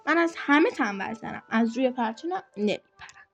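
A woman's voice: on the high side, lively intonation, dull audio, soft background music. A woman voicing a lazy, greedy young calf in a storybook tale, refusing sulkily. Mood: sulky. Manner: sulky, stubborn refusing.

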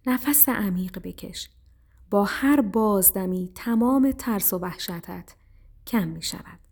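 A woman voicing a wise, gentle old crow healer in a children's story, speaking softly and calmly. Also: mid-range voice, close to an everyday voice. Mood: soothing. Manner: soft and calming.

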